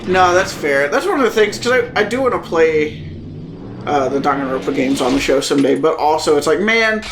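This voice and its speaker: A man co-hosts a let's play in casual chat, cracking dry, sarcastic jokes and swearing. His voice is a bit high, expressive and a little fast, and faint game music plays in a noisy background.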